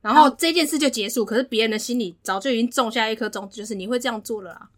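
A woman, co-hosting a podcast and jumping in with quick comments in casual chat. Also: on the high side. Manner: quick reactive comments and back-channel. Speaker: podcast co-host.

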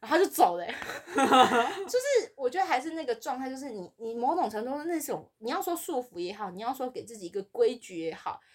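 A woman chatting on a podcast, with a husky voice that sits a little high. She talks quickly and stays lively, jumping up and down in pitch whenever she acts out what other people said. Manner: animated, acts out quoted voices with big pitch swings. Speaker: podcast co-host. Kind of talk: casual storytelling chat.

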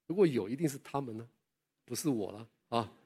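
An older man preaches. His voice sits at a middle pitch. He tells personal stories in a lively, self-deprecating way and keeps turning to the listeners with questions. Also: fairly quick, slightly rough. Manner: animated storytelling with self-deprecating humor; chatty, asks the listeners questions. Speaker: pastor.

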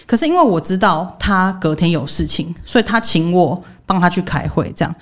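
A woman's voice: on the low side, fairly quick. A young woman, venting in casual podcast chat and acting out the people she quotes. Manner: animated storytelling, acting out quoted dialogue. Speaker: podcast co-host.

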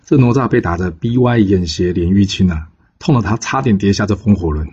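A man with a Taiwanese Mandarin accent telling a classic tale in a casual, relaxed way, pausing often on filler particles. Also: low-pitched, husky. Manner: relaxed, frequent drawn-out pause particles. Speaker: storyteller. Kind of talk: casual storytelling narration. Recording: dull lo-fi podcast recording.

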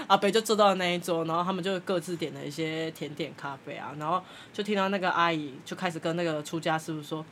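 A woman's voice: on the low side, brisk, few pauses, a bit bright, a little hiss or hum. A woman podcast host, telling a story in casual chat and acting out the people she quotes, with frequent laughter.

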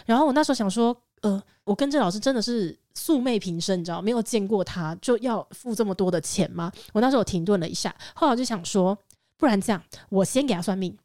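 Woman, podcast co-host, from Taiwan, chatty storyteller, middle pitch, dry close sound. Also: fast, darkish tone, no room sound. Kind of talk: casual chat.

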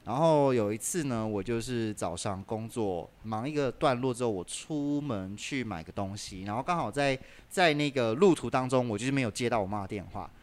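A man's voice: mid-range voice, normal speed, hardly any pauses. A man, telling a personal story as a podcast guest, full of fillers. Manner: animated, lots of "就是" fillers. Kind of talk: casual storytelling in a podcast interview.

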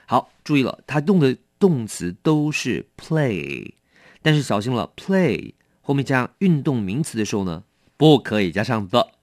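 Lively male English teacher, dry sound. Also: mid-range voice, no room sound. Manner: explains words slowly, mixing Chinese and English. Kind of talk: bilingual vocabulary lesson.

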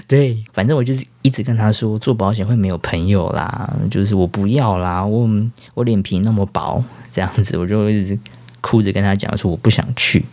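A man's voice: fairly low pitch, expressive, normal speed, a little mellow. A man, hosting a podcast and telling a casual, rambling story full of fillers and self-corrections. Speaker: podcast host.

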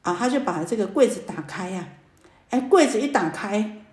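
Woman giving a sermon in an echoey room. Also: medium pitch. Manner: lively, animated storyteller with many drawn-out fillers. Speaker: Buddhist Dharma teacher. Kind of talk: sermon with storytelling.

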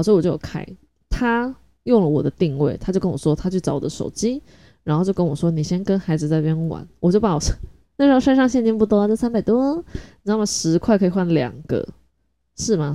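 A woman's voice: on the low side, mellow, no echo. A woman, telling a casual story as a podcast host, chatty and laughing often, thinking aloud mid-sentence.

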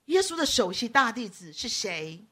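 A woman preacher delivers a lively sermon, joking with her congregation and acting out the voices she quotes. Her voice sits high and bright, swinging widely in pitch. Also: normal speed, breathy edge. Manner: animated, teasing, acts out quoted voices. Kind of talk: lively sermon with audience banter.

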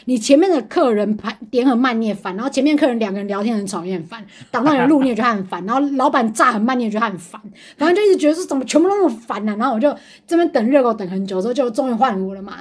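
High-voiced fast-talking young woman. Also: expressive, husky. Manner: swears freely, acts out her own angry thoughts. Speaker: podcast co-host. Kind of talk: casual chat, animated storytelling.

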